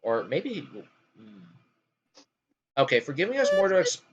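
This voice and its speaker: A man hosting a casual gaming chat, talking in an animated way with frequent ums. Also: fairly high pitch, a little slow, background noise. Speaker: podcast host ranking game worlds.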